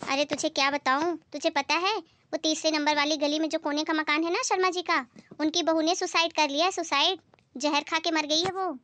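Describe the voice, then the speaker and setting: A meddlesome neighbor woman, played by a woman, who gossips in a breathless busybody way. Her voice is very high and the sound is close and dry. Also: steady tone, moderate pace, pushed and bright, no echo. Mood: gossiping.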